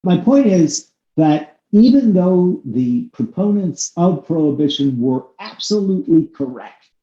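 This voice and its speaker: A man's voice: on the high side, sing-song, unhurried, mellow. A man hosting a podcast interview, talking in long, discursive turns with swings of emphasis. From United States. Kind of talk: conversational interview. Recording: echoey room, slightly dull sound.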